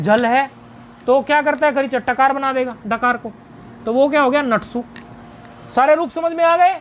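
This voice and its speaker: Teaching Sanskrit grammar in a recorded video, a very high-voiced man explains things one step at a time, with a little hiss or hum audible. He answers the questions he poses and recites word forms slowly as a list.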